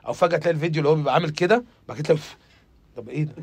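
Young man, Egyptian Arabic accent, comedy podcast host, mocking banter, husky voice. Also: on the high side, dry recording. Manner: mocking, rapid-fire riffing with impressions.

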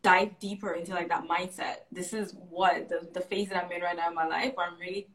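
A woman's voice: lowish voice, fairly even intonation, fairly quick, fairly bright tone, low-quality recording. A woman podcast host from Haiti, raised in the American South, talking in an enthusiastic and affirming way in a casual conversation. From born in Haiti, raised in the US South. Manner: enthusiastic and affirming, laughs often.

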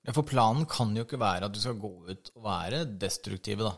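A man's voice: lowish voice, animated. A man co-hosting a podcast, analysing in casual chat with small restarts. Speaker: podcast co-host, football fan.

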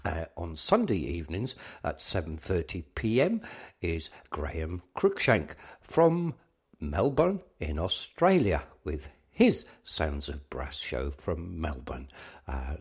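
A man's voice: very deep voice, slightly rough. A man hosting a brass band radio show, talking casually with lots of fillers and some rambling.

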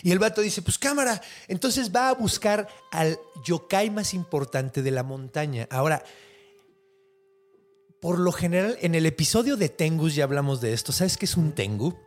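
A man's voice: lively intonation, moderate pace. A man with a Mexican accent telling a folk tale in casual, slang-filled chat, acting out the characters' lines. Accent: Mexican Spanish. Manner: slangy, acts out characters' lines with big pitch swings. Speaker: storyteller host.

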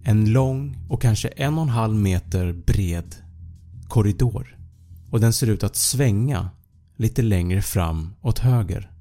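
A man narrating a first-person horror story in a measured, suspenseful way. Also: fairly low pitch, lively intonation, warm tone, soft background music. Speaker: podcast narrator.

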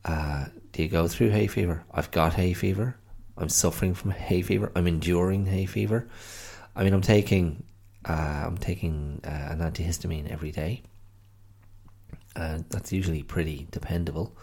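With a deep, creaky, darkish and slightly rough voice, this Irish man keeps his intonation fairly even at a moderate pace. He hosts a casual solo podcast while tired and a bit stuffy from hay fever, rambling and frequently correcting himself.

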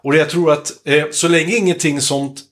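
A man's voice: on the high side, steady tone, fairly bright tone. A man from Sweden hosting a podcast in casual chat, rambling, restarting his sentences and joking. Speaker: podcast host.

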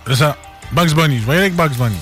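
A man's voice: on the high side, rapid-fire, fairly bright tone, soft background music. A man with a Quebec French accent, co-hosting a radio game with jokey, mock-defensive banter. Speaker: radio co-host.

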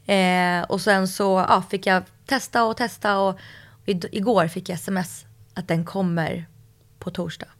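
A woman in casual chat, telling a story in a lively way and acting out quoted lines. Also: mid-range voice.

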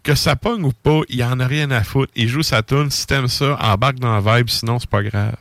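A man with a Québécois French accent in casual podcast chat, animated and joking with emphatic turns of phrase. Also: medium pitch, normal speed, dry recording, studio quality. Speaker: podcast co-host. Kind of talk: casual chat about metal music.

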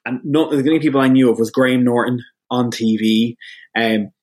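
Irish man, thirties, radio presenter, casual rambling chat, self-deprecating, mid-pitched voice. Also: fairly even intonation, a little fast, a little mellow. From Ireland. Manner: chatty, rambling, self-deprecating with frequent laughs.

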